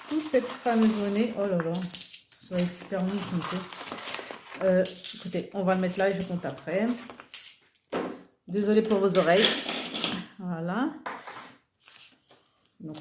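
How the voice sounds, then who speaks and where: A woman in her forties chatting casually about her budget envelopes, filling her talk with hesitations and counting money aloud. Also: mid-range voice. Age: 40s. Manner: chatty, many fillers like euh and voilà. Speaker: budgeting vlogger. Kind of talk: casual chat while sorting cash envelopes. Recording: faint background noise with rustling clicks.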